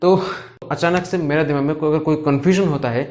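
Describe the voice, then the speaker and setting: A man's voice: on the high side, fairly even intonation, quick pace, a little mellow. A man giving a casual, conversational anatomy lesson from home, often checking in with the listener and acting out little example lines. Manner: acts out short example lines to illustrate. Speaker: medical educator. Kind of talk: casual explanatory lecture. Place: home, rain and a barking dog audible outside.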